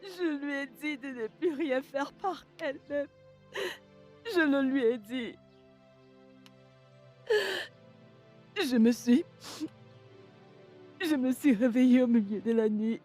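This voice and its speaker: A woman's voice: lowish voice, moderate pace, warm tone, faint music behind, lightly acted. An actress playing a young woman who is grieving her mother, speaking in a tearful, pleading way in a French-dubbed film. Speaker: daughter.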